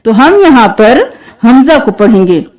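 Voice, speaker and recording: A woman teaching Quran reading, spelling sounds out letter by letter and chanting verses slowly. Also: a little high, sing-song, a little mellow. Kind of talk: slow tajweed lesson with recited verses.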